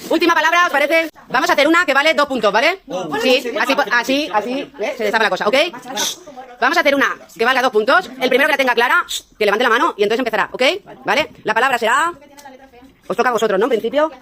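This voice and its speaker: A woman teacher, playfully hosting a classroom spelling contest with teasing remarks and brisk countdowns. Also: high-pitched, sharp tone. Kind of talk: hosting a classroom quiz game. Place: school classroom. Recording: classroom with student chatter. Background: noisy students.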